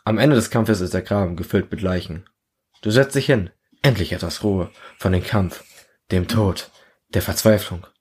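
A man reads his own short story aloud, speaking in second person. His low voice stays measured and earnest. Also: darkish tone, husky. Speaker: narrator.

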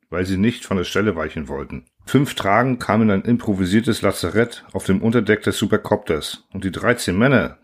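Male narrator, lowish voice, measured audiobook reading. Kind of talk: scripted narration.

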